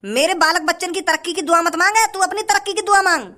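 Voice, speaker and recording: A man's voice: extremely high pitch, quick pace, pushed and bright. A man voicing a rude, stingy male shopkeeper who scolds coarsely in a cartoon. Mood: scornful. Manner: coarse, scornful.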